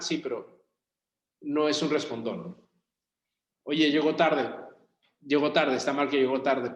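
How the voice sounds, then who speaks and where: A man, a pastor leading a Bible study in a church room, talking conversationally and putting questions to his group. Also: on the high side. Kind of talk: interactive Bible study teaching. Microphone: room recording for a video call. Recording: roomy echo.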